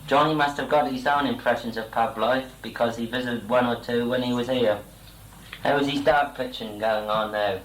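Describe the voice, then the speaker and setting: A man's voice: medium pitch, fairly even intonation, normal speed. A young man speaking a message to relatives in a stiff, formal, self-conscious way. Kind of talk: recorded spoken letter to relatives. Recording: echoey amateur tape, faint noise.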